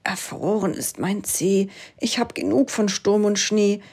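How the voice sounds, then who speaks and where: A woman's voice: medium pitch, steady tone, unhurried, darkish tone, husky. Woman reading a sly cold red fox. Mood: pleading. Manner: growling, coaxing.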